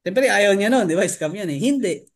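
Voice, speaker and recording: A man with a high voice leads a sales training seminar. He keeps turning to his listeners with rhetorical questions and drops English terms into his talk as he explains. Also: lively intonation, moderate pace. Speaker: network marketing trainer.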